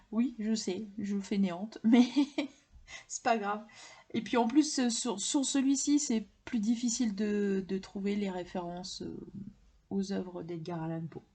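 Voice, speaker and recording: A woman's voice: medium pitch, mellow, slightly rough. A woman chatting casually to camera, enthusiastic and rambling with many fillers as she shows her card deck collection. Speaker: tarot and oracle deck collector showing her decks.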